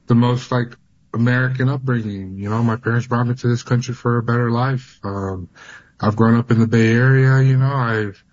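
A man's voice: mid-range voice, muffled recording. A man in his thirties, from Honduras and raised in California, telling his story as an interview guest, often restarting and repeating words. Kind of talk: personal account in a news interview.

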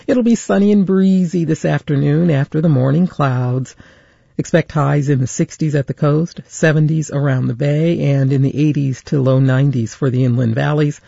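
A man in the role of a radio station announcer, reading the weather and station identification in a measured, even delivery, heard through a small tinny clock radio. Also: on the high side, creaky, dry recording.

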